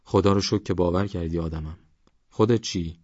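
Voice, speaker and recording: A man voicing a calm, patient young man who reassures a frightened stranger. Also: low voice, dry recording. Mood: reassuring. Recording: dry, slightly dull recording.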